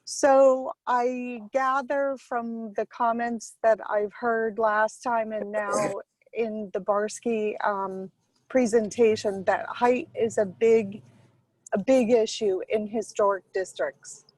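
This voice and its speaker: A woman on a car speakerphone call while driving, presenting a building plan to a review board in a measured, step-by-step way. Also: a little high, fairly even intonation, a little mellow, no echo, low-quality recording. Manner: measured, explains figures step by step. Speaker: applicant. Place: inside a moving car. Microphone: phone or car hands-free speakerphone.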